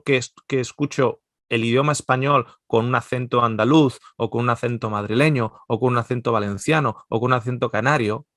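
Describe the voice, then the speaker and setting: A man's voice: mid-range voice, fairly bright tone, no room sound, clean studio sound. A man from Spain's Basque Country with a Peninsular Spanish accent, giving a personal seminar talk and answering his own rhetorical questions. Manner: asks himself rhetorical questions and answers them curtly. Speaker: seminar speaker. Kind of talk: personal lecture.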